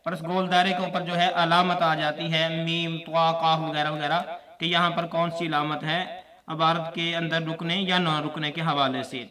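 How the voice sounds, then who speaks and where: A man's voice: on the high side, level tone, normal speed, distant mic, crowd noise. A man with a Pakistani Urdu accent teaching a religious lesson, repeating each point and quizzing his listeners. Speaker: Quran teacher.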